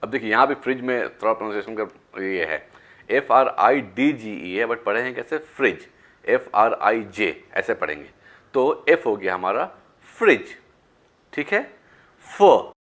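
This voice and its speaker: A man teaching phonics, mixing English words into his talk and stretching out example words with loud, high stresses. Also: expressive, normal speed. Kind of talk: phonics lesson.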